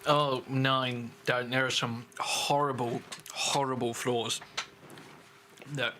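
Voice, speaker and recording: A man's voice: medium pitch, little pitch movement, slow pace, bright, forceful tone, slight background noise. A man streaming a game, chatting casually with viewers and answering their questions as he plays. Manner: chatty, reads and answers chat while playing. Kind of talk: casual gaming livestream commentary.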